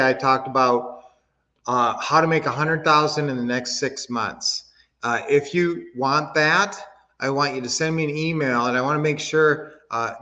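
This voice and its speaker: A man's voice: medium pitch, pushed and bright, lo-fi sound. A man from Minnesota hosting a real estate investing livestream, chatting casually, answering chat comments and teaching with lots of fillers and restarts.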